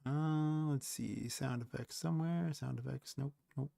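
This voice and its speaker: A man with a gravelly edge talks to himself while he works, rambling and trailing off. He sounds tired from a long night of building a game. The sound is close and dry. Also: mid-range voice, a little slow, mellow, no echo. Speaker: indie game developer streaming his work. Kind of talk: thinking aloud while working.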